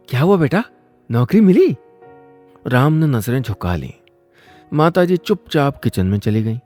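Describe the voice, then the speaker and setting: A man narrating a scripted radio story as host, playful and expressive. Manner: expressive, playful, shifts pitch for dramatic effect.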